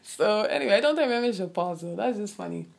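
A young Barbadian woman hosting a casual solo podcast, talking frankly and swearing freely as she rants with lively energy. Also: mid-range voice, quick pace, gravelly. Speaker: podcast host.

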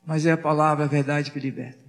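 A man's voice: on the high side, little pitch movement, fast talker, in a large hall, faint music behind. A man preaching as a pastor, asking the congregation rhetorical questions and acting out little dialogues. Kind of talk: sermon.

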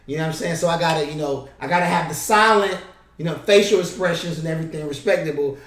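Animated man, roomy off-mic sound. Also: on the high side, fast, far from the mic. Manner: animated, playful, slangy, acts out bench banter. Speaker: podcast co-host, assistant basketball coach. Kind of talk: casual podcast chat.

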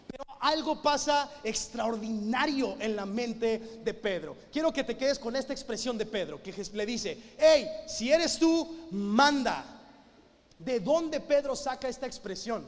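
High-voiced preacher in a reverberant hall. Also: male voice, lively intonation, unhurried. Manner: emphatic, full of rhetorical questions. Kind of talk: sermon. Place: church hall with a live band.

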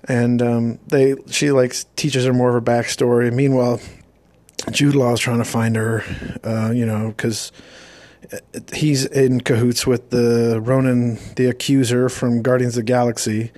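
A man's voice: medium pitch, level tone, a little slow, darkish tone, no echo. A man giving a sarcastic, rambling recap of a movie's plot in a casual, mocking tone. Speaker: movie reviewer.

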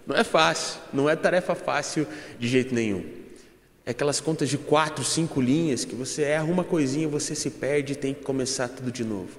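A man's voice: medium pitch, a little fast, echoey room, big-room sound. A young Brazilian man giving a humorous church testimony, telling a story and addressing the congregation as brothers. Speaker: church speaker.

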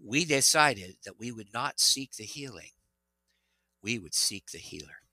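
A middle-aged man, a pastor and interview guest, telling an earnest, animated testimony. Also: mid-range voice, unhurried, no echo, rough recording. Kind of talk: interview storytelling.

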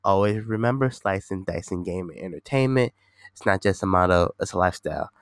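A man's voice: sits low, brisk, smooth, no echo, studio quality. A man hosting a casual solo podcast, rambling informally and repeating himself, sounding nasal and a bit congested from being sick. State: slightly sick with a stuffy nose. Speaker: podcast host and gaming streamer.

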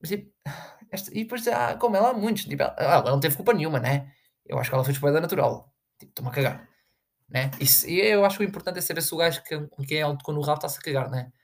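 A man's voice: a little high, expressive, rapid-fire, gravelly. Brief: young man, European Portuguese accent, casual sarcastic rant, rambling delivery, fillers everywhere. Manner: sarcastic, with big jumps into mocking voices.

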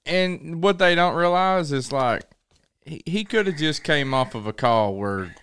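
A man's voice: on the high side, animated, a little slow, a bit bright, clean tone. A man co-hosting a podcast, chatting easily and chuckling as he talks. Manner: easygoing, chuckling. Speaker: podcast co-host and evangelist. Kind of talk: casual podcast chat.

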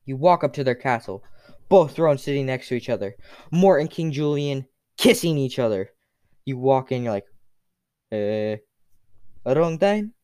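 A man's voice: medium pitch, lively intonation, normal speed, darkish tone, no room sound. A man telling a second-person story in a casual, unscripted way, with fillers.

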